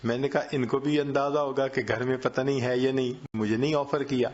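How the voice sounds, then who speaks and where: A man giving a sermon, telling a story and acting out the quoted exchanges with lively shifts. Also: mid-range voice. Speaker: religious scholar. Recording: dull lo-fi recording.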